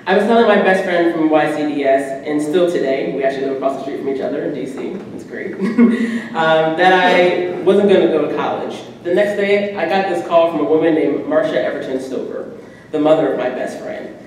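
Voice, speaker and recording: A woman in her twenties from the United States, with an American accent, gives a prepared personal speech as a guest speaker at a podium in an indoor banquet room. Her deep voice moves a little fast as she tells stories animatedly, acting out quotes. The recording is distant and echoey, with faint noise.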